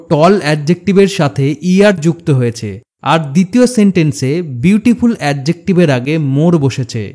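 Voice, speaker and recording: A male teacher with a voice pitched a little high walks through a grammar lesson. His delivery is steady and scripted, and he often slows down to repeat example words for the learner. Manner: steady, explanatory, addresses learner directly.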